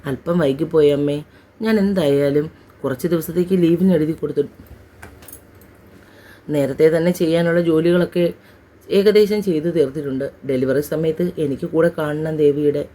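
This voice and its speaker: A woman's voice: low voice, steady tone, normal speed, long pauses, dark tone. A woman narrator voicing an anxious, tender young husband in an audio story. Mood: explaining.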